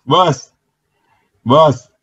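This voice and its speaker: A man's voice: a little high, very slow, a bit bright, slightly rough, muffled recording. A man in a heated live debate, insistent, repeating himself to get a word in. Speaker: debater in a live online argument.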